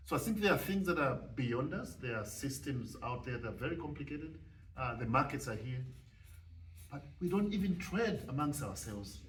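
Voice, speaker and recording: A man from Zambia with a Zambian accent, speaking thoughtfully on a panel discussion and pausing often with fillers. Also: mid-range voice, fairly bright tone. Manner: thoughtful, halting with many fillers. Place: event hall at a panel discussion. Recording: distant mic, faint room noise.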